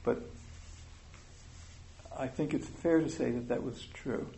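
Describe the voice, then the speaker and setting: A man giving an informal meditation talk, speaking slowly and thoughtfully with many pauses and fillers. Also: medium pitch, creaky, warm tone, rough recording. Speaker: meditation teacher.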